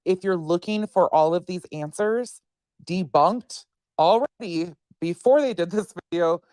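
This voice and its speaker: A woman's voice: lowish voice, unhurried, a little mellow, dry recording. A woman speaking through a voice changer that disguises her voice, giving blunt, exasperated reaction commentary as an online creator.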